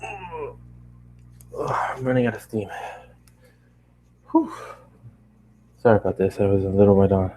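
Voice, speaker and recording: Reading a fan-fiction story aloud, a weary man often stumbles and goes back over phrases as he runs out of steam. His lowish voice is sing-song and slow, warm with a breathy edge, broken by frequent pauses.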